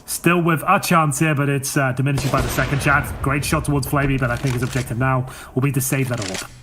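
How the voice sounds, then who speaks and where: Fast-talking excitable male esports caster. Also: medium pitch. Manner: rapid, excitable calling of the action. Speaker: play-by-play caster. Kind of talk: live esports play-by-play commentary. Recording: clear background noise with clicks.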